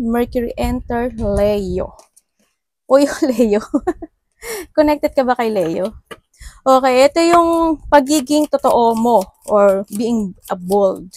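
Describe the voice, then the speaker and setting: A woman's voice: fairly high pitch, darkish tone, no room sound, studio quality. A woman from the Philippines giving a casual horoscope and tarot reading, chatty and full of tag questions. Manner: chatty, mixes English into Tagalog, frequent tag questions. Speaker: tarot reader.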